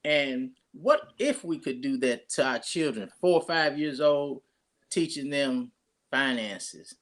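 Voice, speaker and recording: A man's voice: mid-range voice, expressive, slow, a bit bright. A pastor, talking casually and rambling through his introduction of a guest with many restarts.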